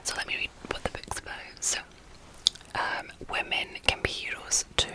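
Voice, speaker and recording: A woman speaking in a soft, unvoiced whisper, unhurried and informal, as an ASMR host chatting and reading about books.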